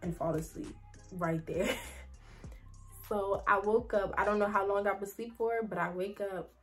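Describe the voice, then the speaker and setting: Chatty young woman telling a story. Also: on the low side. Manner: chatty, rambling, heavy "like" fillers, addresses viewers as y'all. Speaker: vlogger. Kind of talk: casual storytime.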